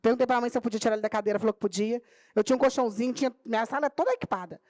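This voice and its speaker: Animated high-voiced Brazilian woman teacher. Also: very fast, no echo, studio quality. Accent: Brazilian Portuguese, Minas Gerais. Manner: animated storyteller, acting out dialogue in her own telling. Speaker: teacher and pedagogue speaking on a panel. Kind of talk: storytelling talk at a public panel. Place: auditorium or conference room.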